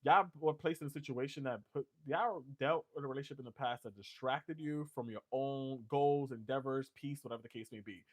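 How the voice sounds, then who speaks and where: A man's voice: medium pitch, fairly quick, hardly any pauses. A man giving a casual tarot reading in a loose, joking way, swearing and laughing often. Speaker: tarot reader.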